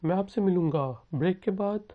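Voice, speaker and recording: A man teaching a spoken English lesson, saying each phrase slowly and clearly so learners can repeat after him. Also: high voice, phone-quality sound.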